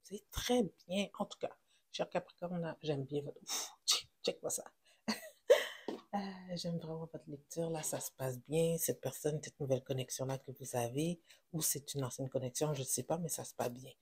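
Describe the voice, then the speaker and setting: A tarot reader with a Québécois French accent talks straight to viewers in a husky, slightly breathy voice at an ordinary middle pitch. The delivery is reassuring but halting, full of fillers and restarts as the reading unfolds. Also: steady tone. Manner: reassuring, halting, with many fillers and self-corrections. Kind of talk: casual tarot reading to camera.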